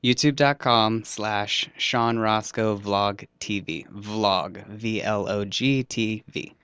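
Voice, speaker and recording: A man's voice: fairly low pitch, steady tone, slow, fairly bright tone, smooth, dry recording. A young man, a comedian, chatting as a guest in a radio interview, rambling and self-mocking and often trailing off.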